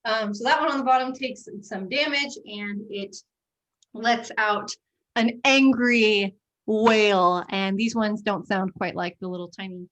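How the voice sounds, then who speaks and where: A woman's voice: mid-range voice, steady tone, measured pace, a bit bright. A woman narrating a tabletop game as game master, casual, swearing and laughing often.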